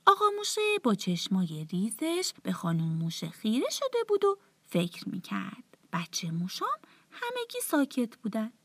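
A woman telling a bedtime story to children in a soft, often half-whispered, tender voice. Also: a little high, wildly swooping pitch.

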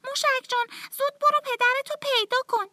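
A woman voicing a busy, bossy mother field mouse in a storybook, with a squeaky, hurried voice. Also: steady tone, sharp tone, dry recording. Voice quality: squeaky, very high. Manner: hurried, scolding.

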